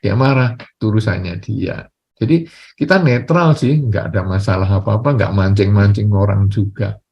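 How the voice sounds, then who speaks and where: A man's voice: fairly low pitch, moderate pace, darkish tone, highs cut off. An older man with an Indonesian accent giving a Buddhist dharma talk, conversational and acting out quoted lines of dialogue. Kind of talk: sermon.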